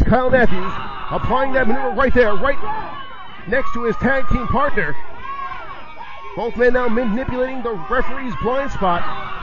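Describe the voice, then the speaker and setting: A man calling a live wrestling match as play-by-play announcer, in an excited, dramatic and emphatic arena announcer manner. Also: extremely high pitch. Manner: dramatic, emphatic storytelling delivery. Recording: dull lo-fi audio amid loud crowd. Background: loud live crowd.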